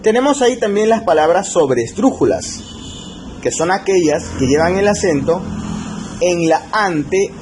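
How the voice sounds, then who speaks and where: A man teaching a recorded spelling lesson, slowing down to stress key rules and checking in with his students. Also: on the high side, a little mellow, slight background noise. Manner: slow, stretched emphasis on key rules, frequent check-ins. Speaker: language teacher.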